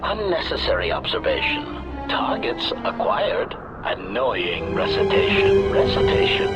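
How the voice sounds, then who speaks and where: An actor playing a cold male combat droid whose systems are failing, speaking in clipped, flat statements through a metallic robot voice in game audio under loud music. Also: low voice, a little slow, highs cut off, full character voice. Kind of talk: video game voice acting.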